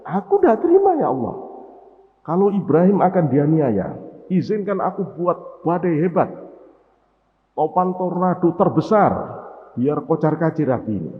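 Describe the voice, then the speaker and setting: A male preacher voicing the wind with a high, quick, outraged cry, recorded on a tinny line in an echoey hall. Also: very animated.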